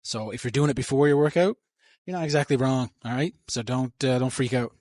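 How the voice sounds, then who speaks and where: A fitness vlogger with a mid-range, slightly mellow voice talks fairly quickly as he works out in a gym. He coaches and rambles casually into a handheld mic, breathing hard between sets, and the audio is studio quality with no room sound.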